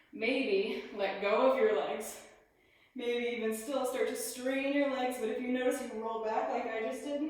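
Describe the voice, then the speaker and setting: A woman leading a yoga class, giving calm step-by-step cues and sounding a little out of breath as she moves through the poses. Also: on the high side. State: slightly out of breath. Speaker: yoga instructor. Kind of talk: guided yoga class instruction. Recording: very echoey room.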